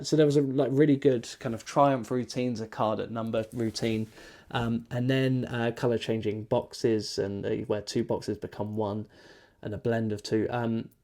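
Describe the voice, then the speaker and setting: A magician casually recaps a convention he attended, rambling along with many ums and self-corrections. His mid-range voice has a dark tone.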